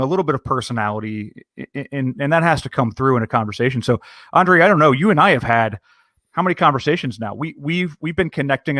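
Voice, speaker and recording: Earnest recruiter man, halting restarts. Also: medium pitch, a bit bright, no echo, studio quality. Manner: earnest, many restarts and repeated words. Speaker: podcast co-host and recruiter. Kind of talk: casual podcast conversation.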